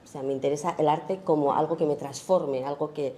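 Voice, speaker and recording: A woman's voice: deep voice, steady tone, brisk, dark tone. A woman photographer giving an informal talk about her own work, thoughtful and searching, with many fillers and tag questions. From Spain.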